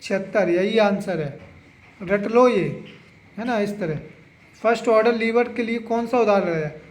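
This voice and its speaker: A young man with a notably high voice runs an exam revision lesson. He moves briskly from question to question, repeats each key answer, and keeps checking in with students. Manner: drills answers, repeats "है ना?" and urges memorizing. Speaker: exam-prep teacher.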